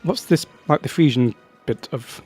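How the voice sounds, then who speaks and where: A man's voice: mid-range voice, moderate pace, a little mellow, slightly rough, faint music behind. Rambling male strategy-game commentator. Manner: rambling, self-interrupting, chatty asides. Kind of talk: casual gameplay commentary.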